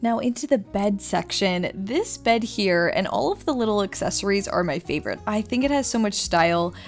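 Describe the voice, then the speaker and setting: Young woman, mid-pitched, enthusiastic voice-over host with faint music underneath. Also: lively intonation, normal speed. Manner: upbeat, enthusiastic product commentary. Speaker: interior designer vlogger. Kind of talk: voice-over shopping narration.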